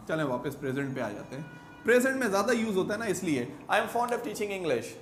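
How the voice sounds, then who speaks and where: A man teaching an English grammar lesson, switching between Urdu and English and drawing out each English example slowly, word by word. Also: high-pitched. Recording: echoey room.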